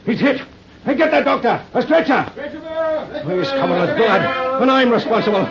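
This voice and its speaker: A man's voice: medium pitch, sing-song, normal speed, over a noisy crowd. An actor playing a slangy, emphatic army captain who looks after his comrade in a radio war drama. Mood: anguished. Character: army captain, gruff but fatherly, anxious comrade. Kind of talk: old-time radio war drama acting. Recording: muffled vintage radio recording, faint noise.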